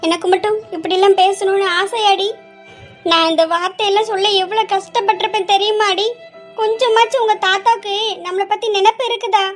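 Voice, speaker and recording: Lady playing a nagging mom, super high squeaky voice, ranting nonstop at grandpa. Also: fairly even intonation, fairly quick, soft background music. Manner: scolding, ranting, sharp rhetorical questions. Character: fierce, nagging middle-aged mother, bitter scold. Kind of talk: homemade family skit acting.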